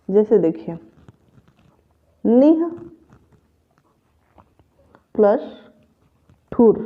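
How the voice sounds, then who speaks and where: A woman teaching a grammar lesson for exam preparation, patiently repeating each example step by step. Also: medium pitch. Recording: tinny phone-like audio.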